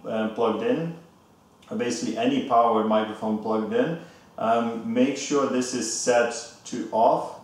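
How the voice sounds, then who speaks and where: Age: unknown. Sex: man. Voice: low-pitched. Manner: chatty gadget walkthrough. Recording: heavy hall-like echo, distant camcorder mic. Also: a little mellow. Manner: explains step by step, loose and chatty, with fillers. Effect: heavy room echo, like a big hall. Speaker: gadget reviewer. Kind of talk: casual product walkthrough. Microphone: camcorder microphone at a distance.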